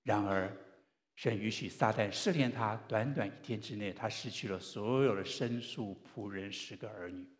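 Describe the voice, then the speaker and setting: A man preaching in a church hall, his lowish voice carried by a long reverb. He tells stories in an earnest way and pauses gently between phrases. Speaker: pastor. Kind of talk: sermon.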